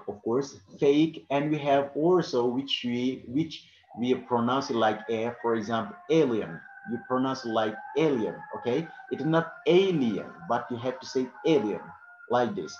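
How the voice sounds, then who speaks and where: A man's voice: medium pitch, darkish tone, slight background noise. A man teaching a pronunciation lesson at a board, saying each example word twice and checking in with "okay?" after each point. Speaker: English teacher. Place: classroom writing on a board. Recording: roomy, dull classroom audio.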